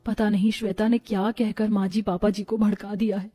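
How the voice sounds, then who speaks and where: A woman voicing a kind, patient elder daughter-in-law in a storybook, gentle yet firm. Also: medium pitch, little pitch movement, a little fast, husky, dry recording, soft background music, close to an everyday voice.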